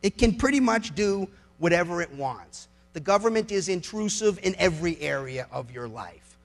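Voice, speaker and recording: Pitched high with lively intonation and vocal fry, an American lawyer talks at normal speed in an impassioned public speech. Emphatic and sardonic, he uses rhetorical questions and repeats phrases to make his points land.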